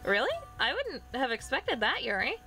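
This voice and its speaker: A woman reading the lines of an awkward male high school student in a visual novel, in her own voice. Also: very animated, moderate pace, sharp tone, soft background music, full character voice, poor audio. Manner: awkward, self-conscious.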